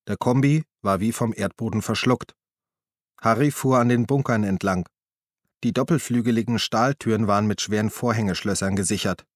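A male narrator reading a thriller aloud in a steady, measured way. His voice is low and recorded close on a studio mic, completely dry with no room sound. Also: dry recording. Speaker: audiobook narrator. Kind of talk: scripted narration.

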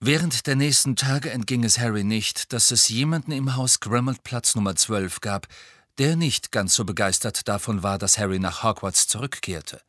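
A man narrating an audiobook in a measured storytelling manner, close to a studio mic. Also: on the low side, fairly bright tone, dry recording. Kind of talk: scripted narration.

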